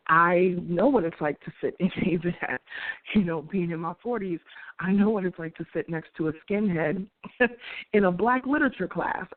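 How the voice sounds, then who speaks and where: Her voice is on the low side, and there's no room sound, just a dry, tinny, phone-like quality. She's a New York host in her forties giving her opinions in an earnest, conversational monologue, restarting now and then and laughing lightly.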